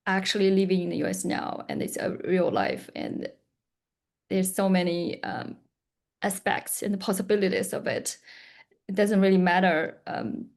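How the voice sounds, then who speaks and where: A woman speaks slowly and softly, sharing her thoughts with a group online. Her delivery is hesitant, full of ums, and broken by light laughs. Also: medium pitch. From outside the US. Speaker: workshop participant.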